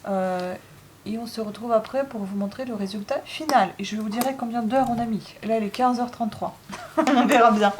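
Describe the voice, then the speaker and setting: A woman's voice: a little high, fairly quick, noisy background. A woman vlogging casually while building a craft, joking and grumbling with lots of asides. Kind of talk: casual chat vlog.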